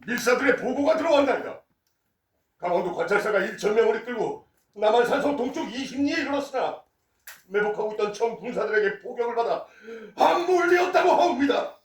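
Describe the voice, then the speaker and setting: An anxious, high-voiced court messenger. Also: male voice, animated, a little fast. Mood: grave, urgent. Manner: formal archaic court speech, urgent. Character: anxious male court official bringing grim war reports. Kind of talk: historical stage drama acting. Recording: echoey hall, distant microphone.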